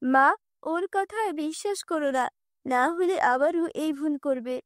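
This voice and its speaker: A woman's voice: high-pitched, measured pace, no room sound, clean studio sound. A woman voicing a spoiled, spiteful young stepsister in a cartoon fairy tale, whiny and demanding.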